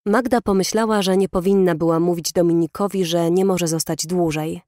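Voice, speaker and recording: A woman narrating an audiobook in a measured, even manner, recorded in a studio. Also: on the low side, dry recording. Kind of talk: scripted narration.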